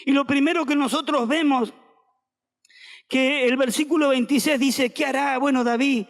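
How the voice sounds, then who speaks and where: A man's voice: very high voice, fairly even intonation, normal speed. A man with an Argentine accent, a pastor preaching emphatically and repeating phrases for the congregation to say back. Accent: Argentine Spanish. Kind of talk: sermon. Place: auditorium. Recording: long reverb of a large hall.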